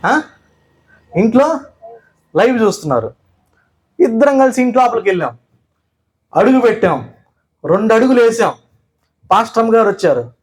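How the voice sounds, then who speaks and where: A male pastor delivering a sermon, loud and emphatic, firing rhetorical questions at the congregation. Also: very high voice, very animated, normal speed, long pauses, husky. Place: church.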